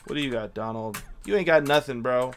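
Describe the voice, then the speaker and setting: Speaking a little fast in a mid-range voice, a male streamer tosses out slangy, muttered reactions while commenting on his game. He's at a desk in a small indoor space, and game music, typing and keyboard clicks can be heard, along with slight background noise.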